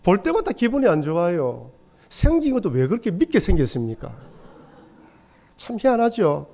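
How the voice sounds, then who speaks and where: A middle-aged pastor's high voice swings widely in pitch, creaky yet warm, at a moderate pace. He preaches a sermon in a church sanctuary, telling stories earnestly and acting out the voices he quotes.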